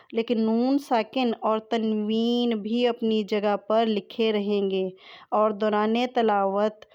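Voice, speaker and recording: A woman teaching a tajweed lesson, explaining patiently and methodically and spelling letters out slowly. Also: on the high side, a little mellow, dry recording. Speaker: Quran recitation teacher. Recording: dull lo-fi sound.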